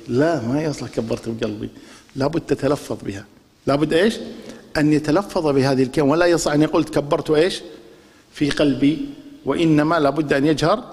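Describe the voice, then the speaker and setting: A man's voice: a little high, a little mellow. A man with a Kuwaiti accent giving a religious lesson, quizzing his listeners with rhetorical questions and demonstrating pronunciations aloud. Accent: Kuwaiti Arabic. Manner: poses rhetorical questions and drills answers with the class. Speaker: religious teacher. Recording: long reverb of a large hall.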